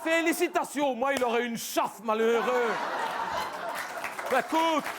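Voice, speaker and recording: A man's voice: very high-pitched, measured pace, a loud crowd, heavy background noise. A man playing a fretful, chatty middle-aged housewife and mother in a comic stage monologue, rambling and grumbling over and over. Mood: exasperated. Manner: rambling, repetitive, exasperated grumbling.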